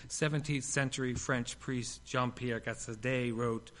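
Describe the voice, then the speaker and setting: A male pastor preaching a sermon, swinging between loud emphatic lines and hushed ones, with playful humorous asides. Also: mid-range voice, fairly even intonation, unhurried, a little hiss or hum.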